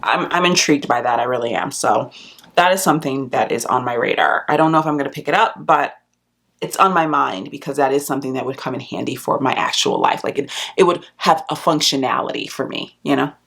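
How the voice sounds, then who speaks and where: A woman beauty vlogger chatting casually about new makeup releases, rambling with fillers and restarts and jumping up in pitch when she stresses a point. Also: brisk, vocal fry, fairly bright tone.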